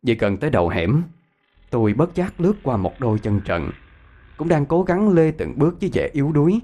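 A man narrating a ghost story in an expressive, dramatic storytelling voice. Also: medium pitch, brisk.

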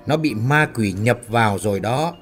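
A man's voice: medium pitch, animated, moderate pace, faint music behind, close to an everyday voice. Man voicing a superstitious young man, earnest, explaining, storybook reading.

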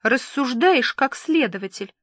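A high, excitable girlfriend, as a woman reader puts her on, whiny and theatrical, swinging between insistence and complaint. The voice sits bright and high, close and dry with no room around it. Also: a little slow, dry recording. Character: excitable scatterbrained woman friend.

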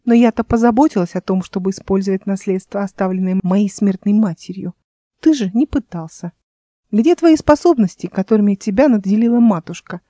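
A woman's voice: medium pitch, a little fast, mellow, dry recording, clean studio sound, lightly acted. A woman voicing a scornful, scheming immortal young woman in a fantasy audiobook, in a mocking tone.

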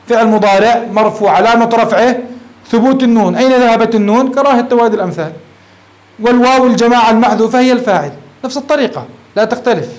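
A man's voice: extremely high pitch, low-quality recording. A sheikh teaching grammar to a class, explaining step by step and putting questions to his students. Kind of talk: classroom lecture at a whiteboard.

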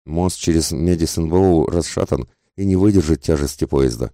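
A man's voice: rumbling low, normal speed, dark tone, no echo, studio quality. A man voicing a cautious, matter-of-fact train conductor in an audiobook. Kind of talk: audiobook character voice.

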